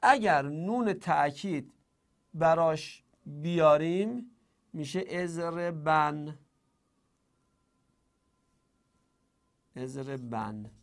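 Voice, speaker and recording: Male grammar teacher, slightly raised pitch, patient explanatory lecture with slow repeated examples. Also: vocal fry. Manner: explanatory, repeats forms slowly and asks rhetorical questions. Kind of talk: classroom lecture.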